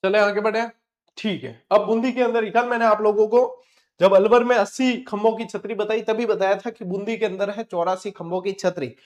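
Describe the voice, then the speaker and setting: A man's voice: sits high, steady tone, normal speed. A male teacher giving an exam-prep lecture, asking the class questions and answering them himself, with frank, scolding advice.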